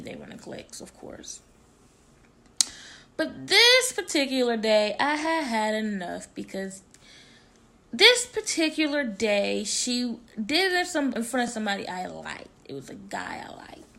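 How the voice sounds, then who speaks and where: A young woman tells a story on her vlog, casual and full of slang. She acts out the back-and-forth dialogue. Her voice sits a little high and sounds bright and sharp. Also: creaky. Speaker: vlogger.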